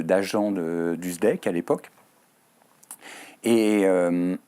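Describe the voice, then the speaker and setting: The voice of this Swiss French author is on the low side and darkish in tone. Interviewed as a guest on a TV studio show, he answers thoughtfully, often hesitating and using fillers.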